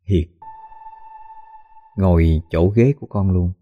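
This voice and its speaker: A man narrating a spooky story in a folksy, animated way, acting out the voices of the people in it. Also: low voice, normal speed, no echo, muffled recording, soft background music. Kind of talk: spoken ghost story narration.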